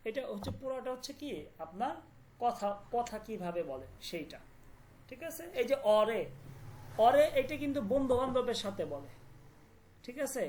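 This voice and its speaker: A woman with a fairly high voice leads an online language lesson. She repeats each word and keeps checking that her students follow. A faint hum sits under her voice. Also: animated, moderate pace, mellow. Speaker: language teacher. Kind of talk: online class explanation.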